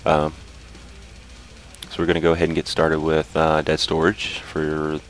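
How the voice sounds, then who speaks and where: A man's voice: extremely low pitch, completely flat delivery, measured pace, soft background music. A man hosting a casual interview, talking in a loose, filler-heavy way. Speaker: host.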